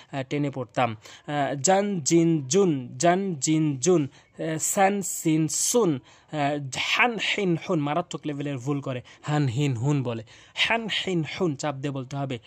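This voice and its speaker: A man teaching Quran pronunciation in a spoken video lesson, drilling syllables slowly and repeatedly with hesitant pauses. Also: a little high, darkish tone, no echo. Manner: slow, repetitive drilling of syllables with frequent "ah" pauses.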